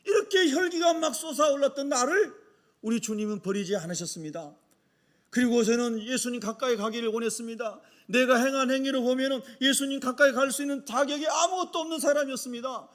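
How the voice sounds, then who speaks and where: A man's voice: very high-pitched, fairly quick, fairly bright tone. A man preaching as a humble, hot-tempered Galilean fisherman apostle, making an earnest first-person confession. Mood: grateful.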